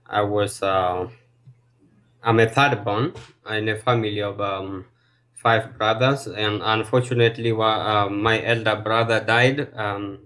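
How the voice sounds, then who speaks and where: Male guest, low voice, very slow and halting delivery. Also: steady tone, a bit bright. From Kenya. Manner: hesitant, many fillers and pauses. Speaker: guest bodybuilder and personal trainer. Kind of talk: casual interview.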